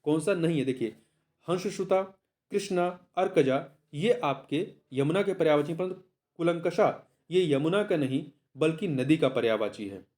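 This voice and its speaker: A man's voice: a little high, animated, moderate pace, a little mellow. A man working through a practice exam, who asks a question, answers it himself and repeats the key word. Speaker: exam tutor. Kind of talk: solving a practice paper aloud.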